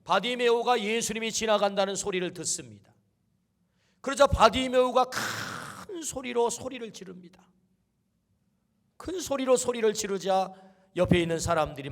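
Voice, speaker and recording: High-voiced male pastor preaching. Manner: exhorting, call-and-response with amen. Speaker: senior pastor. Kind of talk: sermon.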